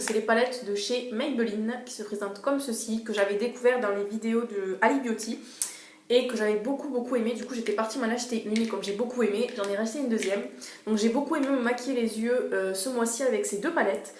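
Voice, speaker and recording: Chatty young woman in an echoey room. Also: a little high. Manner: chatty, hesitant, repeats words and fillers. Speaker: beauty vlogger. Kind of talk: casual product review. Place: room in a home. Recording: echoey room, faint noise.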